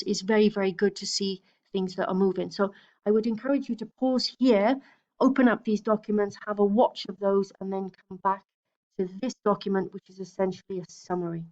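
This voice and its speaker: Woman teacher talking thru slides, steady explaining, lots of ums, kinda muffled lo-fi sound. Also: medium pitch. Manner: explanatory, steady, with frequent fillers and restarts. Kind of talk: recorded biology lecture over slides.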